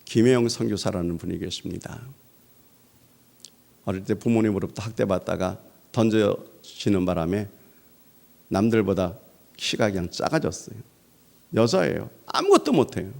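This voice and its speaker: A man preaching a Sunday sermon as pastor, swinging between hushed and loud, dramatic passages. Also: normal speed, vocal fry, pauses often. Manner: preaching with dramatic swells of pitch and volume.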